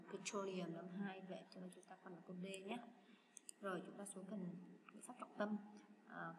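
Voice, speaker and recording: A woman teacher goes through test answers one by one, speaking to her students in a friendly, patient tone. Her voice sits at a middle pitch. It was recorded in an echoey room with steady, clearly audible background noise. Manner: patient, chatty, addresses students as "các bạn". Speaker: English teacher. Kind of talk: explaining exam answers.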